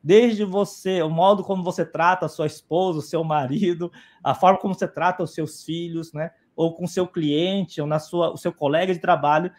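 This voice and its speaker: High-voiced man explaining with frequent "né?". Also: fairly even intonation, moderate pace, a little mellow. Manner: peppers sentences with "né?" and restarts. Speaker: guest speaker on a live stream. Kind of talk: explanatory talk.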